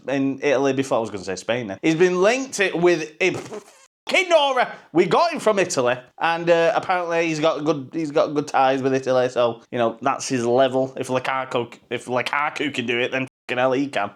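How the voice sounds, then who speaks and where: A man hosting a football fan channel, ranting bluntly and crudely with a mocking edge and laughing at his own jokes. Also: medium pitch. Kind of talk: profane, ranting casual commentary.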